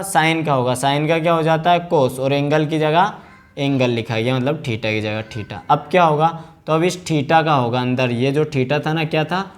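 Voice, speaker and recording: Guy teaching maths, kinda high voice, keeps asking q's and answering them, lots of "thik hai". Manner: asks students questions and answers them himself; lively coaxing teaching with frequent "thik hai". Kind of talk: whiteboard maths lesson.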